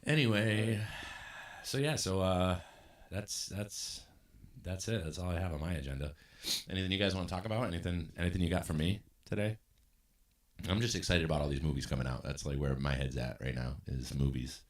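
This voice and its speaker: A man's voice: extremely low pitch, steady tone, fast. A man hosting a casual podcast chat, rambling with lots of fillers and restarts. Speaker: podcast host.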